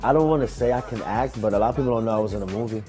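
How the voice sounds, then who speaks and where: Over music, a young man who raps spins loose, animated, rambling tales during a laid-back interview. His smooth voice sits fairly low and he talks at a racing pace.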